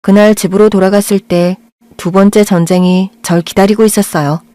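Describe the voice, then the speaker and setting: A woman narrates a confessional story in a reflective, measured voice. Her voice sits mid-pitched. The studio recording is dry and close. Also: steady tone, warm tone, no echo.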